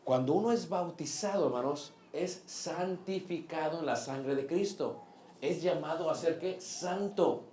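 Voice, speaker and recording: A man preaching a sermon, lively and asking the congregation questions. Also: a little high, measured pace, reverberant, a little hiss or hum. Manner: animated, asks the congregation questions.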